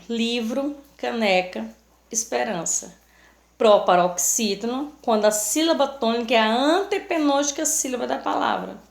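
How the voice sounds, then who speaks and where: Brazilian woman teacher, slow and careful, dictating examples in an echoey room. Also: medium pitch. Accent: Brazilian Portuguese. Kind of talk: recorded lesson.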